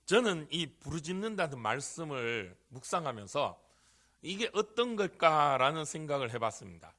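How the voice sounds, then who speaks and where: A man's voice: fairly high pitch, sing-song, moderate pace, bright, forceful tone. Man preaching an earnest sermon. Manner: earnest preaching, rises to emphatic cries. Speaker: pastor. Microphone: handheld or stand microphone.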